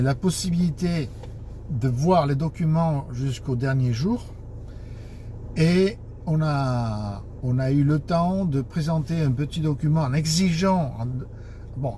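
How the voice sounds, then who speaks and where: In broken French full of word-searching and grammar slips, a taxi association spokesman and board member explains things informally. His voice is warm and on the high side, with a bit of hiss or hum in the audio.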